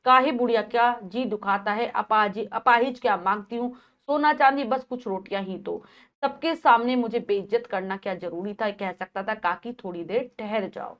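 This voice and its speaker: A woman's voice: medium pitch, normal speed, a bit bright, natural voice. A woman reading the part of a frail, hungry old woman who pleads and laments, in a school play lesson. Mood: sorrowful.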